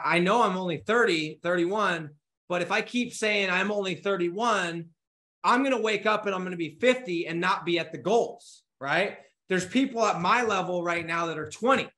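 Male, 30s, business coach, punchy motivational delivery, casual swearing; bright edge, roomy echo. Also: high-pitched, moderate pace. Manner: energetic, urgent, swears casually; gestures a lot with his hands while talking. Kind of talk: motivational talk to camera. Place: home office with bookshelves.

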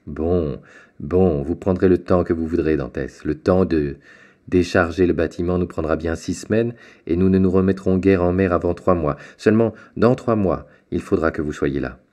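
A man's voice: deep voice, moderate pace, mellow, close to an everyday voice. A man voicing a jovial, fatherly middle-aged shipowner in an audiobook, hearty and kindly. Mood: paternal. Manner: hearty, paternal.

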